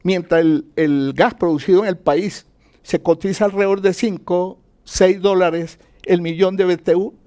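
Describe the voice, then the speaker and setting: A man's voice: high-pitched, steady tone, a little slow, warm tone, clear, resonant tone. A man speaking as an economist in an interview, explaining point by point and answering his own questions. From Colombia. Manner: didactic, poses questions and answers them, enumerates points.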